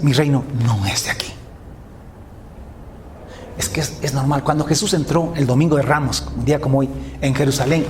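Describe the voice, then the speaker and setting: Male pastor, high voice, animated storytelling sermon, faint noise behind. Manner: animated storytelling, acting out voices of biblical figures.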